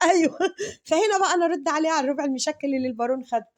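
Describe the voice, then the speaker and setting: A woman's voice: sits high, racing, dry recording, clean studio sound. A woman with an Egyptian accent gives mocking commentary and keeps taunting and insulting the person she talks about. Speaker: commentary vlogger.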